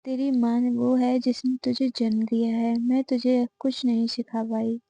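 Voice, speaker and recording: A woman reading the lines of an angry, stubborn elderly mother-in-law in a storybook tale, scolding in flat tones. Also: fairly high pitch, a little slow, no room sound. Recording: dull lo-fi audio.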